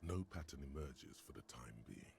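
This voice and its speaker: An actor voicing a deep, sardonic game narrator who speaks as the detective's blunt inner voice. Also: male voice, expressive, normal speed, a little mellow, full character voice. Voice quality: gravelly, dry and sardonic.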